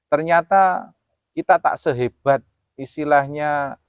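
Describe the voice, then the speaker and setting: A man hosting a talk show, addressing viewers earnestly and solemnly, his voice swinging between loud emphasis and soft asides. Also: a little high, slow, smooth, dry recording, highs cut off. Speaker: host.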